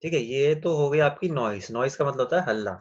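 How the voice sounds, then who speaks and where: A man teaching a class over a video call, explaining slowly and answering his own questions. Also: medium pitch, dull audio. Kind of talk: online class lecture.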